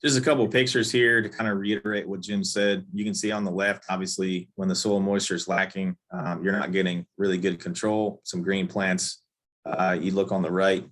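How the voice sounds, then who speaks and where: A man giving a technical lecture on weed control, losing his voice and often clearing his throat, halting with fillers. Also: sits low, level tone, a bit bright. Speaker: turf science presenter.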